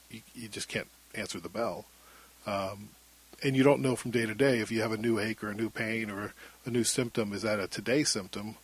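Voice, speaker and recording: Low-pitched man with a thin, husky voice. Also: fairly bright tone, low-quality recording. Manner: halting, reflective storyteller. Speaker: interview guest, former radio broadcaster. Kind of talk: candid personal interview.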